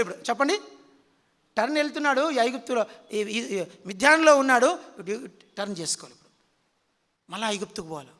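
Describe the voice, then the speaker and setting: Guy preaching a sermon, sharp bright tone, keeps asking the crowd questions, echo of a big hall. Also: extremely high pitch. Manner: quizzes the audience with repeated questions.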